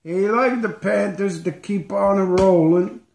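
Man putting on a slow, creaky comic bumpkin. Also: high-pitched, a little mellow, exaggerated voice. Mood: halting, deliberate. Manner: slow, halting delivery in broken English. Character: comic Mexican cousin, rustic rhyming rancho bumpkin. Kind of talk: improvised comedy sketch character. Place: living room at home. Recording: roomy home webcam sound.

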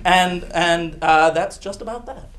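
A young man telling a rambling, self-mocking true story from high school as an improv monologue. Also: a little slow, over a noisy crowd. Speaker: improv performer.

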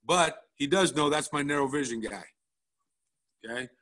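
Blunt football coach breaking down film. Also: male voice, fairly high pitch, normal speed, a bit bright. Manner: blunt, casual, peppered with "all right?".

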